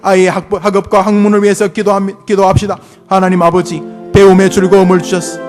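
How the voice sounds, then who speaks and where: A pastor leading a fervent prayer, repeating pleas and swelling loud before dropping to murmurs. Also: male voice, high-pitched, level tone, fast talker. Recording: organ music behind. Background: organ music.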